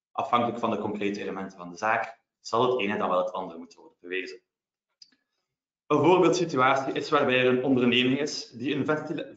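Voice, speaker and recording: A man with a Belgian Dutch accent lectures on legal matters, explaining each point in a measured, step-by-step way with practical examples. His voice has a mid pitch. The webinar audio is roomy and somewhat muffled. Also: a bit bright. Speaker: lawyer presenting.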